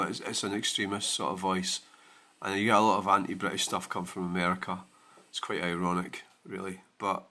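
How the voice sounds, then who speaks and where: A Scottish man hosting his own channel goes on a casual, rambling rant, blunt and full of swearing. His voice is on the low side with a sharp tone.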